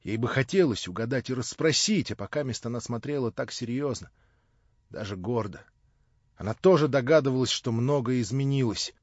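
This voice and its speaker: Husky-voiced male audiobook narrator. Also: medium pitch, normal speed, no room sound, muffled recording. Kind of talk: scripted literary narration.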